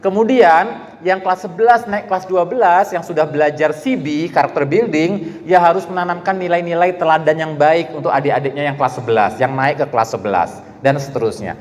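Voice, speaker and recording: High-voiced preacher in a reverberant hall. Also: male voice, fairly quick. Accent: Indonesian. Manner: animated preaching, shouts out quoted lines, playful asides. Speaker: pastor. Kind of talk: sermon to students. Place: church hall. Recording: long church hall reverb.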